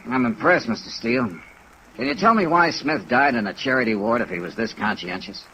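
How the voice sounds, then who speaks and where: An actor playing a wry, hard-boiled American insurance investigator, clipped and laconic, in 1950s radio detective style. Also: male voice, mid-range voice, lively intonation, fairly quick, pushed and bright. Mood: probing, low-key. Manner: clipped, laconic, matter-of-fact. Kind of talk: 1950s radio detective acting, first-person narration. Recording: noisy vintage 1950s radio recording.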